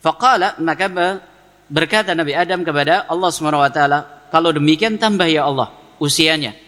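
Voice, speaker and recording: A man with a Javanese Indonesian accent preaches to a congregation, reading Arabic text and then explaining it didactically, repeating phrases and answering his own questions. His voice is a little high and sharp, and he speaks briskly. A long reverberant hall echo surrounds the recording.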